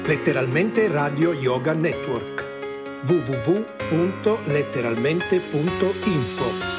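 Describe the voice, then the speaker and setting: A man's voice: a little high, lively intonation, takes it slowly. A man reading a scripted radio station outro as an announcer. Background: loud music.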